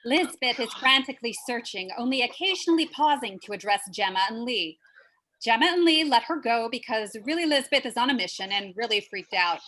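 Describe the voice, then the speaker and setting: A woman's voice: fairly high pitch, expressive, a little fast, sharp tone, low-quality recording. A woman reading out stage directions for an audio drama, matter-of-fact with wry asides. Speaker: narrator.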